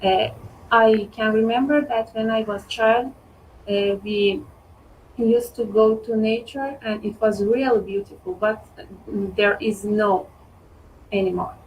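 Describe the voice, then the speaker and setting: A woman from Iran, chatting casually in English on a video call with slow, halting pauses. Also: on the high side, fairly even intonation, darkish tone, recorded from a distance, a little hiss or hum, rough recording. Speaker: conversation club participant. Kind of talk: casual online chat in English.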